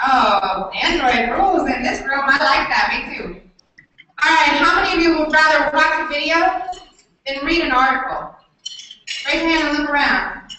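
A middle-aged woman giving a motivational keynote, animated, quizzing the audience and acting out voices in her stories. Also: high voice. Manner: animated, asks the audience questions, acts out quoted voices. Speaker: keynote speaker. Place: conference room. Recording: very echoey hall, voice from far off, faint noise.

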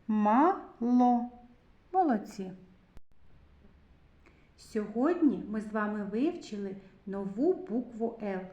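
A woman teaching a literacy lesson to young children, sounding each letter out slowly and clearly. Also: medium pitch. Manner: slow, carefully spelled-out speech addressing children warmly. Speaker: kindergarten teacher. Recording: echoey room, dull lo-fi sound.

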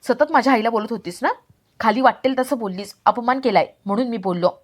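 A woman's voice: on the high side, quick pace, natural voice. A woman voicing an earnest young man who pleads with his mother.

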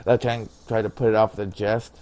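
A man reads a visual novel aloud in a casual way, with a low voice. He often stumbles on a word and starts it again, and he slips in quiet side comments between the lines of the story. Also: flat delivery, fairly quick. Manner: stumbles, restarts, mutters asides. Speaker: game narrator.

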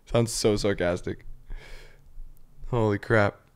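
A man hosting a comedy podcast, telling a story with animated energy, using "like" and "literally" constantly and laughing often. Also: on the low side, slow, clean tone. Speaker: podcast host. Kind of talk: casual comedy podcast chat.

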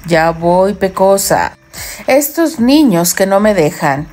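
A woman's voice: medium pitch, sing-song, takes it slowly, a little mellow, soft background music. A woman voicing a playful, affectionate young husband who teases his wife in an audiobook romance. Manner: teasing, affectionate.

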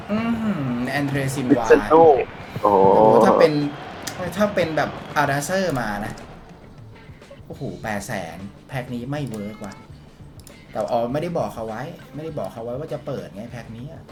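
Excitable male gaming host who yelps at every reveal, voice swooping up and down, talking to viewers over background music. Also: mid-range voice. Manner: excitable, yelps and shrieks at results; addresses viewers directly. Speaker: mobile game YouTuber. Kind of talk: excited gameplay commentary.

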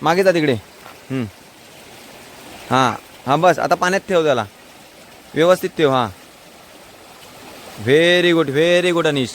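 A man's voice: fairly high pitch, slow, long pauses, a little hiss or hum. A young man from Konkan, coaxing a child through short, repeated instructions outdoors by a stream. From Konkan, India. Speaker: vlogger teaching a child. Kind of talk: casual outdoor vlog.

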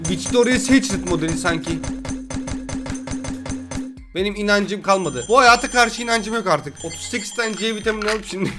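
A young man commentating a mobile game he plays on his computer, loud and excitable, often shouting and laughing at it. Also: high voice, normal speed, pauses often, music in the background. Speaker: gaming YouTuber.

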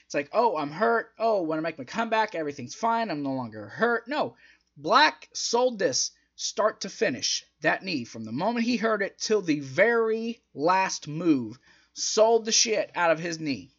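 A young man hosting a wrestling review speaks with a higher, sing-song voice that is a bit bright and slightly rough, at a moderate pace. He is emphatic, casual, and opinionated, sounding conversational with a somewhat strained throat. The lo-fi audio comes from a desk mic close in front of him in a small home room.

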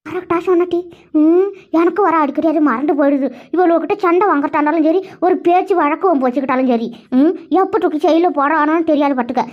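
A woman's voice: high voice, fast, lo-fi sound, close to an everyday voice. A woman voicing a gossipy, greedy young village woman, chattering and scolding.

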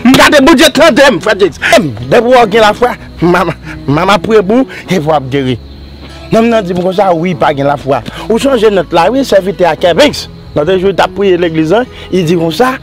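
Man acting a pushy miracle-claiming preacher, high voice, swoops all over, faint music behind. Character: boastful man claiming to work miracles for pay. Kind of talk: amateur drama acting.

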